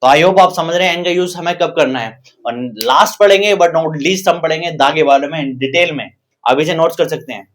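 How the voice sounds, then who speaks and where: A man's voice: fairly high pitch, normal speed, a bit bright. A man with an Indian English accent teaches a grammar lesson in a slightly raised voice. He drills example sentences over and over and keeps asking his students rhetorical questions. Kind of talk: classroom-style grammar lesson.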